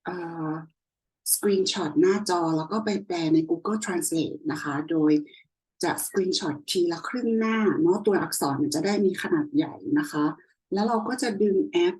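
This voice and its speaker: Young female tutor, husky low voice, patient step-by-step explainer. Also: a little mellow, low-quality recording. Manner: slow, explanatory, frequent checking questions. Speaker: language tutor. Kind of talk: screen-share tutorial.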